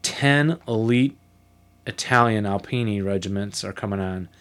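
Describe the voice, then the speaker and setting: A man's voice: lowish voice, moderate pace, a bit bright. Chatty man recapping a board game. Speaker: podcast co-host. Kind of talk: casual chat.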